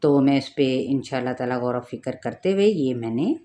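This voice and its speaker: A woman teaching Quran recitation rules, explaining each rule step by step and drawing out the recited words slowly. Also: extremely low pitch, animated, dark tone. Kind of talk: tajweed lesson, explaining then reciting.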